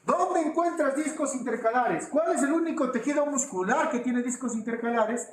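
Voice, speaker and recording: Man, anatomy lecture, high voice, quizzes students, echoey classroom. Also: moderate pace, a little hiss or hum. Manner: lively, quizzes students with rhetorical questions. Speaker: anatomy teacher. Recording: echoey classroom with faint ambience.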